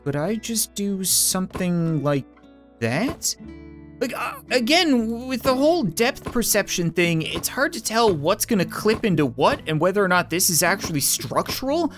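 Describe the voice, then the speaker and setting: A woman's voice: medium pitch, measured pace, faint music behind. A woman hosting a gaming video, commenting animatedly and sarcastically as she plays, her voice a little strained. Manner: animated, talks to the game sarcastically. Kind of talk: let's-play commentary.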